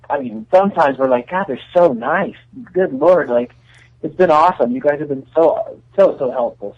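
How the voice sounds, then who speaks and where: Young male musician guest, slightly high voice, dull lo-fi audio, earnest and grateful. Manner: earnest, grateful, thinks aloud. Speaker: band musician, interview guest. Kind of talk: interview answers.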